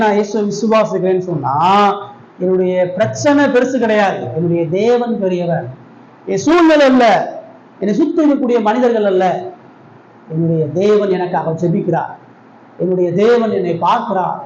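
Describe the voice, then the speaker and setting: Pastor, male, high voice, earnest sermon, muffled roomy recording. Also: darkish tone, slight background noise. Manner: earnest preaching with repeated rising refrains.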